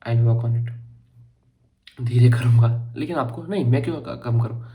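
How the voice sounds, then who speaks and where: Fast-talking young man vlogging from his room. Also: medium pitch, mellow. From India. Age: young adult. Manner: fast-talking, chatty, joking asides. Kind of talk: casual vlog walkthrough. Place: student room indoors.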